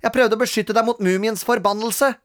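A storyteller voicing a mischievous young boy who talks his way out of trouble in a loud, sly, persuasive way. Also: medium pitch, fairly even intonation, pitched above the performer's own voice, close to an everyday voice.

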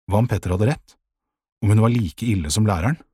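A man narrating a children's audiobook in a calm, measured way, with a husky voice. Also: lowish voice, no echo, clean studio sound.

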